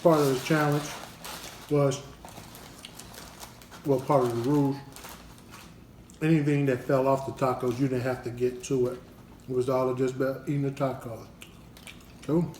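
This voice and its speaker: Relaxed man vlogging in an echoey room. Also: medium pitch, a little hiss or hum. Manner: relaxed, unhurried, chatty with fillers. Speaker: family channel vlogger. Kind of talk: casual eating challenge vlog.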